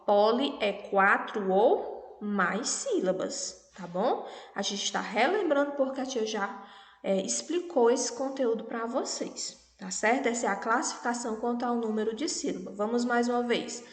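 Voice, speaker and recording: Brazilian woman, primary teacher, patient and over-articulated, slightly high voice, long reverb. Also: a little slow. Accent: Brazilian Portuguese. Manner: patient, checks in with "tá bom?" and "né?" often; clear, over-articulates words for children. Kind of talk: recorded online lesson for children. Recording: echoey room with long reverb.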